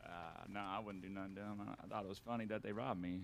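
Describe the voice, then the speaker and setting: A man's voice: lowish voice, steady tone, fast, vocal fry, crowd noise. A man in an in-character western role-play, bantering in a dry, stubborn drawl.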